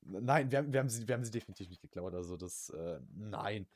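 Speaking in a lowish, animated voice, a young podcast co-host keeps the casual conversation slangy and full of jokes, often firing off repeated words and phrases in rapid bursts.

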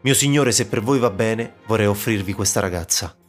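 Sly old minister guy, polite and smooth talking, low voice, read by a man. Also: normal speed, faint music behind, lightly acted. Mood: placating. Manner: courteous, persuasive. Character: cunning elderly male court minister.

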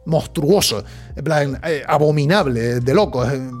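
A young man with a Spain Spanish accent, hosting a podcast in a chatty, slangy, animated way. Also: fairly high pitch, measured pace, faint music behind. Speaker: podcast host. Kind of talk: casual news chat.

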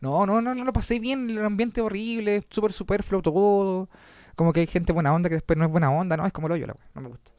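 A Chilean comedian and podcast host telling stories in a casual, swearing, laugh-filled chat. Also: male voice, high voice, fast talker, smooth, no room sound, clean studio sound. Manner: swearing, animated, laughs often.

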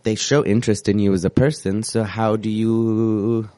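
A man hosting a casual radio chat show, hoarse from a cold and rambling as he searches for words. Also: fairly low pitch, level tone, moderate pace, mellow, dry recording.

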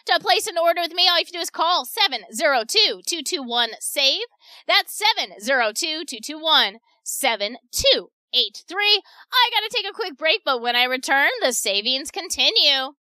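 Female deals-show host, upbeat selling, forceful bright tone, dry close sound. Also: sits high, sing-song, normal speed, no room sound. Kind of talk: upbeat sales pitch, partly ad-libbed.

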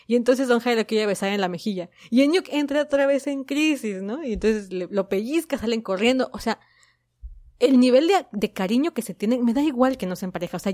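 A woman talks through a casual fan commentary. She gushes, gets excited and slips into acted-out quotes. Her voice sits at an ordinary middle pitch. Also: dry recording, studio quality. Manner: gushing, excited, acts out quotes. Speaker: K-pop fan vlogger.

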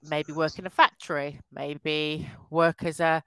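A woman's deep, smooth voice moves little in pitch and runs a little slow, on a low-quality recording with no room sound. She's an Englishwoman in her 50s, a podcast guest recounting her life in a casual call interview, warm and chatty, laughing often and restarting sentences.

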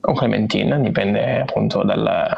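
Man, co-host, gravelly voice, hesitant with fillers, muffled lo-fi call audio. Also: medium pitch, over a noisy crowd. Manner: hesitant, many pauses and fillers while describing. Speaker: podcast co-host reviewing beer. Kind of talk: casual chat. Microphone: remote call.

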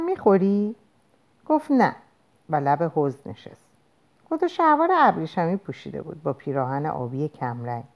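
A woman narrating a novel in an expressive audiobook reading. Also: low-pitched.

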